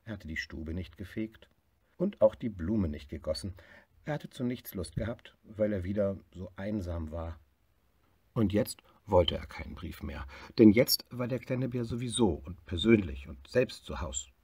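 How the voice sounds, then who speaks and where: A man reading a picture book aloud, lively and expressive. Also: on the low side, normal speed, slightly rough, dry recording. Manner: lively, expressive reading, swelling louder in happy parts. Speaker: storyteller.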